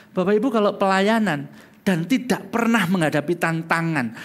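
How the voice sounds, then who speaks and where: A male pastor preaching a sermon, swinging between hushed low passages and loud, high emphatic ones.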